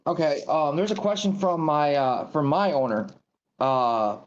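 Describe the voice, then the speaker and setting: A man's voice: on the high side, measured pace, lo-fi sound. A man in his thirties hosting a casual podcast interview, rambling and repeating himself. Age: 30s. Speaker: podcast host.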